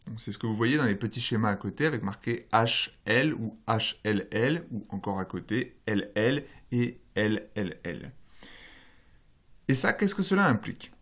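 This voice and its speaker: A man's voice: lowish voice, lively intonation, moderate pace, fairly bright tone. A man giving a recorded university lecture, explaining slides one step at a time, with frequent "euh" fillers, self-corrections and questions he then answers himself. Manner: explanatory, walks through slides and tables step by step; poses and answers his own questions. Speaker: phonology lecturer.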